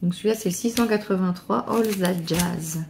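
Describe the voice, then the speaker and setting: A middle-aged woman gushing excitedly as she unboxes a craft parcel, with stumbling restarts. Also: lowish voice, normal speed, gravelly, a little hiss or hum. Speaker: crafting vlogger. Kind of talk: casual unboxing chat.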